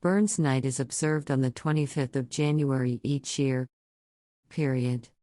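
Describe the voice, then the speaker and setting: An American woman dictating a scripted text as a language teacher, in short, deliberate phrases with the punctuation spoken aloud. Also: very deep voice, dark tone, no room sound, studio quality. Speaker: English teacher reading a dictation exercise.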